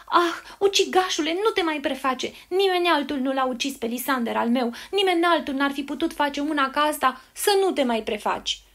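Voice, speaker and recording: A woman's voice: high voice, animated, few pauses, voice pushed up. A woman doing a furious shrieking young girl. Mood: furious accusing. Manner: shouting accusations.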